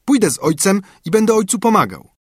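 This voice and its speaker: A man's voice: sits high, big pitch swings, fairly quick, slightly rough, no echo, clean studio sound, pitched above the performer's own voice, exaggerated voice. A man doing a bold, eager young lad. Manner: raised and eager. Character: clever, fearless young man, a woodcutter's son. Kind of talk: storybook narration.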